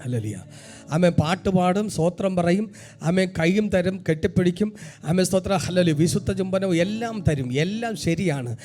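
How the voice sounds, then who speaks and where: A man with a Malayali accent, a pastor preaching a Pentecostal sermon that swings from hushed storytelling to shouted exhortation, peppered with amens and hallelujahs. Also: sits high, normal speed, soft background music. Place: church sanctuary.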